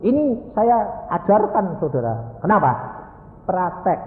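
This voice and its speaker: An older man with a Javanese accent preaching a sermon, telling stories and acting out voices, breaking into sudden loud, high cries. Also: big pitch swings, measured pace. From Indonesia. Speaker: pastor. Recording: echoey hall, tinny lo-fi.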